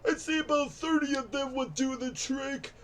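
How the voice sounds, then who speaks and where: A man's voice: extremely high pitch, steady tone, normal speed, fairly bright tone, a little hiss or hum, pitched above the performer's own voice. A man voicing a chatty, nostalgic, grumpy old villager from a video game in a strained old-man voice. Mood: dramatic storytelling. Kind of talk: video game character read aloud.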